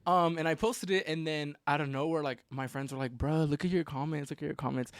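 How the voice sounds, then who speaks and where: A man's voice: a little high, a little fast, dry recording, clean studio sound. A young man from California, a podcast guest telling stories in casual chat and acting out quotes. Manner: animated storytelling with acted-out quotes.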